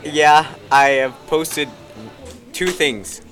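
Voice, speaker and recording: A man's voice: a little high, fairly even intonation, very slow, fairly bright tone, faint music behind. Young man with dry comebacks. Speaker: podcast co-host. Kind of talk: casual podcast banter.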